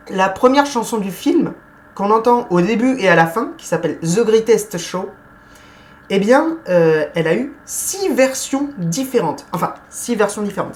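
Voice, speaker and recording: A woman giving a casual film review, chatty and hesitant, often pausing with fillers and correcting herself. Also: medium pitch.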